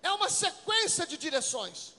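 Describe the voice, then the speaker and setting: A man preaches in a church, his voice sitting very high. He tells his story through acted dialogue, then builds to shouted calls to the congregation. Long reverb from the sanctuary trails every phrase. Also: sing-song, moderate pace. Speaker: pastor. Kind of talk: sermon.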